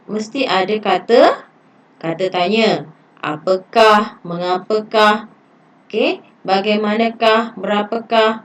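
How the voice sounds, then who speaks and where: A woman's voice: mid-range voice, far from the mic. A woman teacher with a Malaysian Malay accent, reading a passage aloud and explaining sentence types to pupils, with many "okey" fillers.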